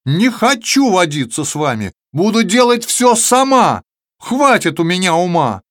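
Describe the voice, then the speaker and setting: A man's voice: high voice, big pitch swings, measured pace, a bit bright, no room sound, studio quality, exaggerated voice. A man voicing a proud, boastful female alphabet letter in a children's verse tale, haughty and demanding. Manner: haughty, then tearful and pleading.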